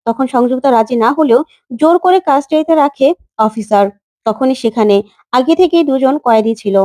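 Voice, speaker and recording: A woman storyteller retelling the plot of a drama serial in a rapid, eager way. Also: high voice, warm tone, no echo.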